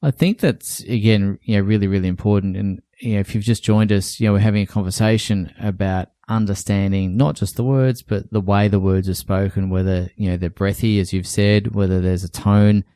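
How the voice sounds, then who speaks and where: A man's voice: on the low side, steady tone, a little fast, hardly any pauses, dark tone, no echo. A man hosting a podcast as a dentist, thoughtful and summarizing, with many fillers. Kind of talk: conversational podcast interview.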